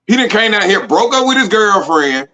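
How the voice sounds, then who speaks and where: A man's voice: high-pitched, very animated, normal speed, background noise. A man co-hosting a sports podcast, talking in a frustrated, emphatic way. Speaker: podcast co-host. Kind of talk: heated sports talk.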